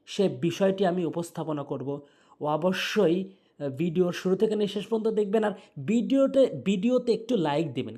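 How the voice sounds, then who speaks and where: A man teaching Quran recitation, who patiently explains each sound and repeats syllables slowly. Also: sits high, dark tone. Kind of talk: instructional talk on pronunciation.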